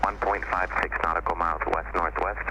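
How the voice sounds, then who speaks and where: A deep male voice reads out an airport weather broadcast over the aircraft radio. Each figure comes in a flat, clipped way. It is heard through a radio with loud helicopter engine noise all around. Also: fairly quick. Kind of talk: recorded airport information broadcast.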